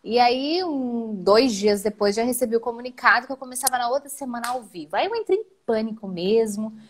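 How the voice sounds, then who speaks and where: An interview guest with a Brazilian Portuguese accent talks a little fast as she tells her own emotional story live. Her manner is animated, with frequent "né?" and sudden leaps in pitch.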